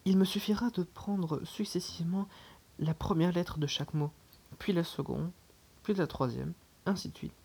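A reader doing a husky, fiery old professor. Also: mid-range voice, moderate pace, a little mellow. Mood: explaining. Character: irascible older male professor, obsessive. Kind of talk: audiobook character reading.

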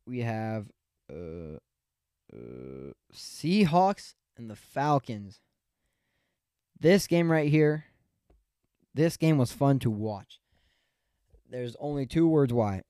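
A man's voice: medium pitch, warm tone, clean tone, no room sound, studio quality. A man hosting a podcast, recapping football games in a rambling, opinionated way with many fillers and restarts. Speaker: podcast host. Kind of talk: casual sports recap.

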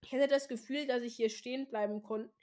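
A German-speaking woman reads a novel aloud in a casual way, often stumbling over and restarting words and dropping in chatty asides. Her voice is fairly high and dark-toned, brisk, with fairly even intonation.

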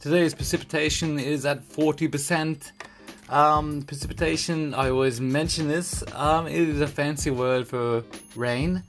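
A man's voice: on the high side, steady tone, measured pace, soft background music. A man hosting a casual solo podcast, rambling and jokey, repeating phrases for emphasis. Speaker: podcast host. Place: indoor room in Tokyo.

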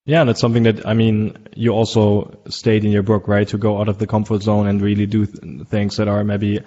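A man interviewing a guest, asking long, halting questions with many restarts. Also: on the low side, monotone, dark tone, husky, dull audio. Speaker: interviewer, host.

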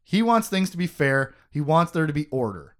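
A man talks through a book's plot in casual podcast chat, his voice rising and falling a lot as he jokes and laughs. He sits a little high for a man, and he swears freely. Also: moderate pace. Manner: animated, joking, laughs often, swears. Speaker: podcast host recapping a book.

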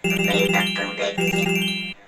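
A man's voice: slow, close to an everyday voice. A man voicing an indignant smart computer that complains and tattles on someone. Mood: accusing. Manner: accusing, complaining. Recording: loud music behind the voice.

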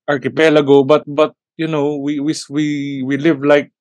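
Halting man in casual chat. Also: fairly high pitch, flat delivery, darkish tone, no echo. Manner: halting, searching for words, mixing in English.

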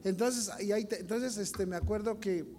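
A man preaching with a noticeably high voice. He tells stories and keeps turning to the congregation with questions. His voice rings out in a long hall reverb. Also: moderate pace, dark tone, slight background noise. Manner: storytelling, addresses congregation directly. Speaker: pastor. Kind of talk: sermon.

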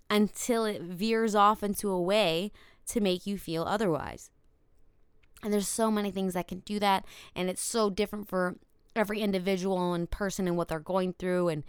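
Female podcast host, earnest self-help talker with a clear, slightly low voice, dry sound. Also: no echo. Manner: earnest, rambling, many fillers like "you know" and "like". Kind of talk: reflective self-help talk.

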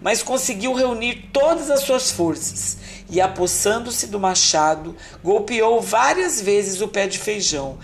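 A woman reading a children's fairy tale aloud in an expressive, unhurried storytelling manner. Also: medium pitch, a little hiss or hum.

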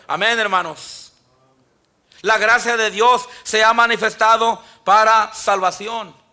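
A male pastor preaching a sermon in a church, quoting scripture and often pausing for "amen, brothers". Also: high-pitched, steady tone, bright, forceful tone. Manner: preaching with frequent "amén, hermanos" and quoted scripture. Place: church sanctuary.

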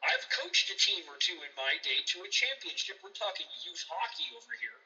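A high, very bright male voice preaching about sportsmanship with plenty of swearing and heavy emphasis. He sounds a little far from the mic, with a slightly dull, muffled tone. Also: lively intonation, a little fast. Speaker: podcast co-host. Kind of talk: profane sports rant.

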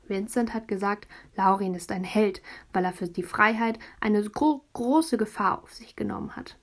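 A woman narrates a children's audiobook in a lively storytelling voice, telling it from a child's perspective. Her pitch is medium, with a breathy edge.

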